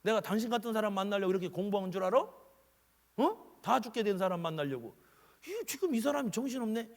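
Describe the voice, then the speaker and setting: A haughty male doctor rants in exasperated, rising bursts, as a preacher puts him on. His husky voice sits high and swings widely. A long church reverb trails each line. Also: lively intonation, fast. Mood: indignant. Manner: scoffing, rising, exasperated tirade. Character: arrogant, indignant male hospital doctor.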